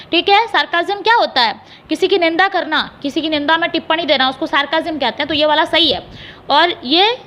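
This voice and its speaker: Woman teacher w a high voice, going thru exam questions step by step, spelling words out slowly. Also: a bit bright. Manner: reads English questions slowly and deliberately; checks in often with the students. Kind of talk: exam-prep lesson.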